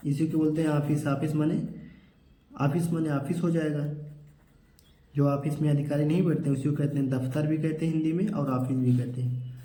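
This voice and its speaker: A man teaches children vocabulary, slowly spelling out each word and explaining it. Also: fairly high pitch, warm tone, roomy sound, poor audio.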